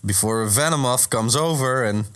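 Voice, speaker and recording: A man's voice: mid-range voice, normal speed, a bit bright, smooth. A young man co-hosting a comedy podcast, riffing playfully with absurd ideas. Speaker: podcast co-host. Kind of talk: casual comedic chat.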